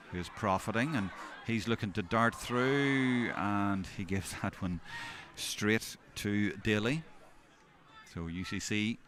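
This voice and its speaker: A man giving live hurling commentary, describing play in measured running observations. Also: lowish voice. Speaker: sports commentator. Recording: outdoor stand, loud crowd noise behind. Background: crowd noise at outdoor match.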